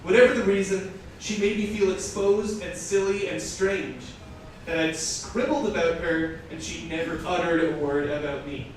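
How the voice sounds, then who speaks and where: Here a man with a fairly high voice reads at a moderate pace in a comic, theatrical live show held indoors. Incredulous, sweary asides mock what he's reading. Audience noise rises around him in the echoey, noisy room, picked up by a distant mic.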